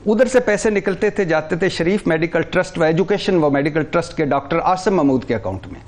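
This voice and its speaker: Brief: higher-voiced man, heated studio debater, rattles off names, stumbles and restarts. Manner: animated, lists names rapidly with restarts. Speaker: talk show guest. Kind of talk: heated political talk.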